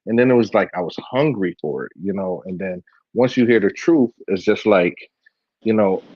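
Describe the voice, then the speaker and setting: A man's voice: lowish voice, normal speed, husky, no echo, dull audio. A man co-hosting a spiritual podcast, telling stories casually in a rambling way with lots of fillers. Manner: rambling, storytelling with many fillers. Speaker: podcast co-host.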